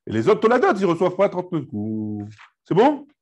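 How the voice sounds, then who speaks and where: A man's voice: sits high, huge pitch swings, brisk. A rabbi teaching a live Talmud class, explaining step by step, mixing in Hebrew and Aramaic terms and checking with his students.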